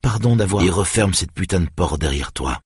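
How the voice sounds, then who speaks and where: A man's voice: low-pitched, expressive, brisk, darkish tone, breathy edge, no room sound, studio quality, full character voice. A man reading aloud, voicing a distraught young woman who pleads with her lover. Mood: pleading. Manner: pleading, rising to desperate.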